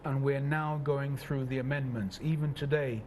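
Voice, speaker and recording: A man's voice: mid-range voice, steady tone, moderate pace, darkish tone. A man speaking as a guest in a policy discussion, recorded in an echoey room with some ambient noise. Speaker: panel guest.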